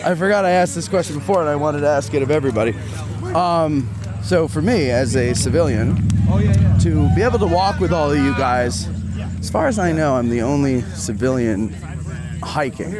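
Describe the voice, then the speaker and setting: Over loud music and surrounding outdoor crowd noise, a man in his forties speaks at normal speed in a slightly high, expressive voice. Caught on a handheld recorder during a group hike, he gives a casual, joking interview, chatty and self-deprecating.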